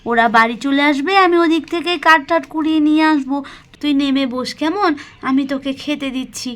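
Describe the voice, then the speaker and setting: A woman's voice: high-pitched, normal speed, a bit bright. Woman voicing a tender village mother. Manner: emotional, soothing and tender toward her daughter. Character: poor, self-sacrificing young village mother.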